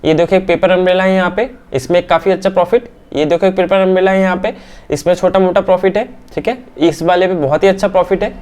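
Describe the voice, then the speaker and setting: A man teaching trading as he walks through candlestick charts on screen, often checking in with his listeners and filling pauses with "aa". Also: sits high, fairly even intonation, darkish tone. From India. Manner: keeps checking in with "theek hai?"; talks through hesitations with "aa" fillers. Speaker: stock market teacher.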